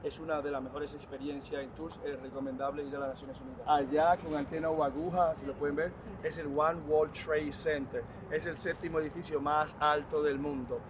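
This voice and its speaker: A man's voice: a little high, background noise. A man with a Dominican Spanish accent guiding a walking tour outdoors, quizzing his group with questions. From Dominican Republic. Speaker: tour guide. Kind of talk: guided walking tour talk. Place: outdoors in a city.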